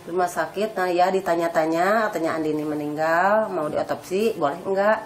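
A woman in her fifties, interviewed at her family home, retelling a shock haltingly and in a shaken way. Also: on the low side, soft background music. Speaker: mother of the deceased, interviewee. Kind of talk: emotional interview.

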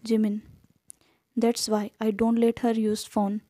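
A woman's voice: a little high, monotone, slow pace, warm tone, no room sound, clean studio sound. A woman reading the lines of a teasing young brother in a fan story, naming him before each line. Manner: reads the figure's name before each line.

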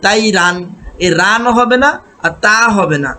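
A man teaching Quran recitation, chanting verses melodically and then explaining pronunciation in quick speech. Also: sits high, animated, pushed and bright. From Bangladesh.

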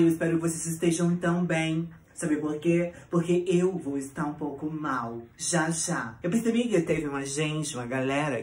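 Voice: medium pitch, lightly acted. A performer playing a vain, theatrical woman vlogger in a comic sketch, fussing and chatting straight to the viewers. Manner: theatrical, fussy, talks to viewers as babies. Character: vain dramatic woman vlogger waxing her nose.

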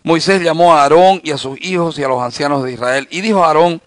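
Man pastor, Bible study sermon, fairly high voice, dry close mic, storytelling with rhetorical questions. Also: quick pace, no echo. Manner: conversational preaching with anecdotes and rhetorical questions.

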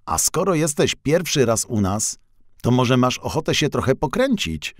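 A man doing a brisk, friendly sweeping cart. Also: medium pitch, sing-song, dry recording, clean studio sound, voice pushed up, lightly acted. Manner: brisk, blunt, then kindly. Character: busy male street-sweeping cart, friendly but tired.

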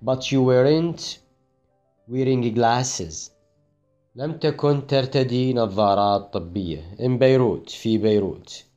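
Man, English teacher, very slow, relaxed mellow voice, careful explanations. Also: medium pitch, lo-fi sound, faint music behind. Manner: explains in Arabic, reads English phrases slowly and carefully. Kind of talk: classroom grammar explanation.

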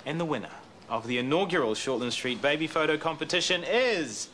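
An actor playing a sarcastic hospital staff member in a TV soap. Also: male voice, on the high side, lively intonation, brisk, natural voice. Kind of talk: TV soap acting. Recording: heavy background noise.

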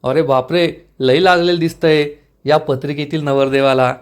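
A man's voice: a little high, fairly even intonation, moderate pace, clean tone, lightly acted. A man voicing a teasing, gleeful older village patriarch.

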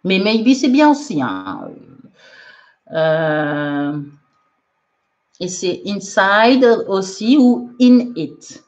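A woman's voice: medium pitch, very animated, extremely slow, pauses often. A woman teaching English in a live online lesson, reading out viewers' comments and correcting them in a chatty way with frequent laughs, mixing French and English. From France. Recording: dull lo-fi livestream audio.

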